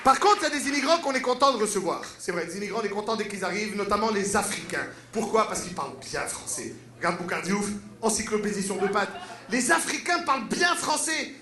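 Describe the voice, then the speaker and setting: A young man with a Quebec French accent doing an animated, slangy stand-up routine on stage. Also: sits high, brisk, reverberant, some chatter behind. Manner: animated, slangy, many voices. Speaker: stand-up comedian. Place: comedy stage.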